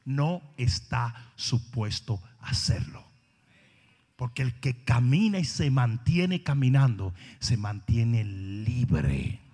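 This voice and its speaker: A man preaching a sermon, animated storytelling that rises to shouting. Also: medium pitch, slow pace, slightly rough. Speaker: pastor. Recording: long hall reverb.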